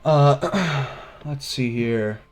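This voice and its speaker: A man's voice: medium pitch, drawn-out words. A young man narrating as game master, hesitant and full of fillers. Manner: hesitant, many fillers, laughs often.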